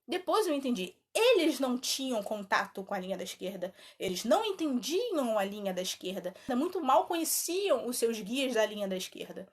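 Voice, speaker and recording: A woman's voice: on the high side, moderate pace, hardly any pauses. A woman with a Brazilian Portuguese accent, telling a personal story casually and acting out the dialogue, often laughing. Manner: animated retelling with quoted dialogue. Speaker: channel host.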